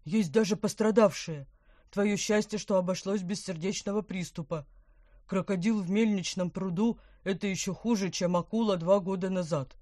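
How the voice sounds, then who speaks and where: Flustered old fish guy, woman doing it, gurgly and loud, scolding away, dry close sound. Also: mid-range voice, moderate pace, dry recording, lightly acted. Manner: gurgling, stammering, indignant. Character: fat fretful old male carp, blustering.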